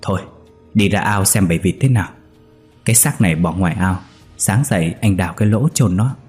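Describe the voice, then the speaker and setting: A man voicing a tense rural husband who talks bluntly and gruffly. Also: sits low, a little fast, faint music behind, natural voice. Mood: grim. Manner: blunt, shouting when alarmed.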